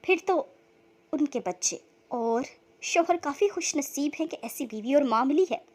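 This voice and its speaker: An outspoken young woman who says exactly what she thinks, played by a woman narrator. Her voice is high and lively. This is a storybook reading. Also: moderate pace. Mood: blunt. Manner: blunt.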